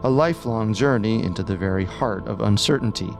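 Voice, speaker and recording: A man's voice: on the low side, brisk, creaky, a little mellow, soft background music. A man delivering scripted true crime narration as a storyteller.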